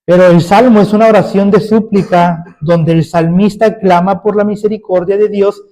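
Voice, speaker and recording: A man's voice: high voice, steady tone, moderate pace, mellow. A man preaching a sermon as pastor, emphatic, putting rhetorical questions to his congregation.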